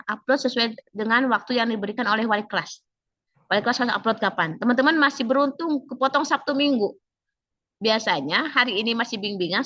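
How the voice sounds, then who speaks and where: A woman instructor coaching an online class, slightly hoarse, chatty, and quizzing students by name. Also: mid-range voice, fairly bright tone, no room sound, muffled recording. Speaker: civil service training instructor.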